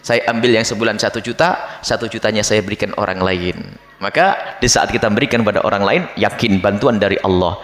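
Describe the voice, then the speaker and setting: Bright-voiced man preaching in an echoey hall. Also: lowish voice, a little fast. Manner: animated, acts out the voices of people he describes. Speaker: Islamic preacher. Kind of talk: religious lecture to a congregation. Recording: echoey hall with long reverb.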